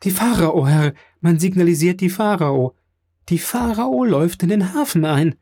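A man voicing an excited, agitated young clerk in a read-aloud novel. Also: high voice, normal speed, dry recording, clean studio sound, voice pushed up. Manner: exclaiming, agitated.

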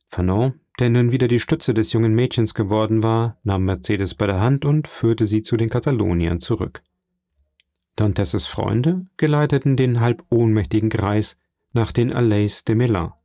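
A man narrating a novel as an audiobook in a steady, measured storytelling manner. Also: on the low side, vocal fry, no echo, clean studio sound.

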